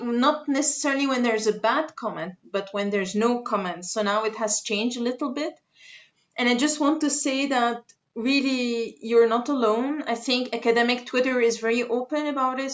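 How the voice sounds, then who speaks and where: A young woman in the last year of her studies, speaking frankly and hesitantly in a casual group discussion on a video call. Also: a little high. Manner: frank, hesitant with many fillers. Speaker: participant. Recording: dull lo-fi video call audio.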